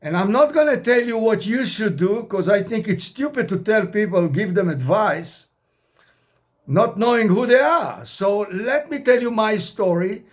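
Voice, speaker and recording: A man in his sixties who grew up outside America, talking casually to camera as an expat vlogger, rambling and direct, with non-native grammar. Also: sits high. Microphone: camera mic.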